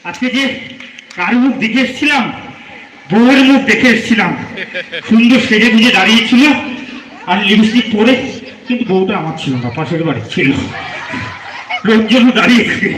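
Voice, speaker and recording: A man's voice: high voice, animated, brisk, long pauses, a crowd in the background. A man emceeing a live stage show, teasing and joking with the audience as he calls up the acts. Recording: echoey live venue sound.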